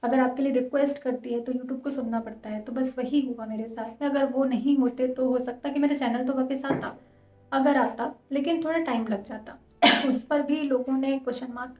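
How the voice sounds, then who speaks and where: Fast-talking woman vlogger, high voice. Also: a little mellow, roomy sound, highs cut off. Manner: fast, earnest, direct address. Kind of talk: casual vlog talk to viewers.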